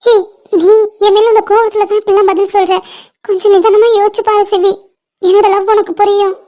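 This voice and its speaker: A woman's voice: extremely high pitch, flat delivery, brisk, warm tone. A woman voicing a tearful young woman in a fan-made cartoon, crying and pleading for forgiveness. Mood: earnest.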